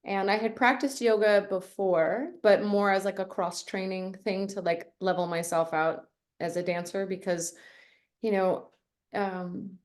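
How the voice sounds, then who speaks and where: A woman's voice: mid-range voice, fairly even intonation, measured pace. A middle-aged woman from Canada, telling her story as a guest in a casual interview, full of "like" and "you know". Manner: chatty, lots of "like" and "you know".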